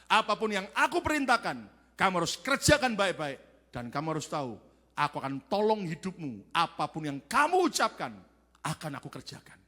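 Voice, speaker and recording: Preacher doing a coaxing male devil, high and lively, church-hall echo. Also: fairly quick, exaggerated voice. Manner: coaxing, commanding promises. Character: whispering tempting male devil spirit.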